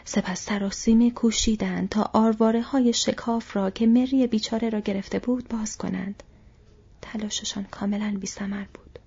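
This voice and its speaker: A woman narrating an audiobook in a steady, even storytelling manner. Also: medium pitch, gravelly, slightly rough. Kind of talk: scripted narration. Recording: dull lo-fi recording.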